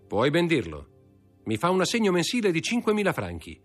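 A curt young schemer, as a male reader puts him on, speaking quick and raised above the narration, clipped and disdainful. His voice has a husky edge, with music faint underneath. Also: fairly high pitch, huge pitch swings, pitched above the performer's own voice, heavily acted. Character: cold, impatient young man, scheming.

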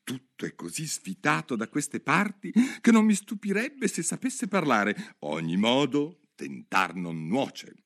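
A man's voice: medium pitch, big pitch swings, measured pace, few pauses, a bit bright, voice pushed up, exaggerated voice. A man reading a storybook aloud, voicing a curious, polite young girl who rambles eagerly. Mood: chatty.

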